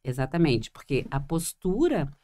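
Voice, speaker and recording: A therapist from Florianópolis, Brazil, speaking with that city's Portuguese accent, co-hosts a podcast in a small room with three people. Her low-pitched, dark voice is very animated yet measured in pace, and she talks reflectively and hesitantly with many fillers.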